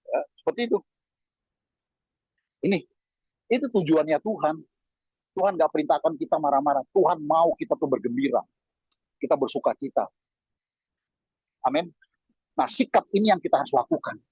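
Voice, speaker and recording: Pastor, man in his fifties, husky voice pitched a touch high, sermon delivery with lively swings and asides, dull dry recording. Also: moderate pace, long pauses, no echo. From Indonesia. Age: 50s. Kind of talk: sermon over video call.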